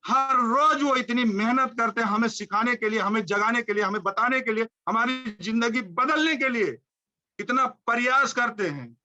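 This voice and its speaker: Fervent high-pitched man, lo-fi sound. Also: normal speed, sharp tone. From India. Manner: fervent, repetitive chanting phrases. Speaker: motivational speaker. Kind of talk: high-energy motivational speech.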